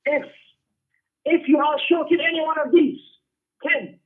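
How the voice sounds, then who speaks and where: A man with a very high-pitched voice teaches an Islamic lesson, reading Arabic texts and explaining them in English. He speaks a little slowly with fairly even intonation, yet emphatically, repeating phrases for stress. The audio is tinny, like a phone or radio lecture.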